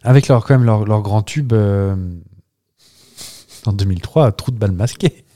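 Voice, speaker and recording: A man's voice: fairly low pitch, normal speed, warm tone. A man co-hosting a podcast in casual, playful chat, often laughing at his own jokes. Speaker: podcast co-host.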